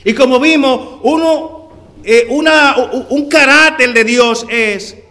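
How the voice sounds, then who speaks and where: A man preaching a sermon, addressing listeners as brother, stretching out key words for emphasis and letting phrases sink low at the ends. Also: sharp tone. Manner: preaching with slow drawn-out emphasis and sinking phrase endings.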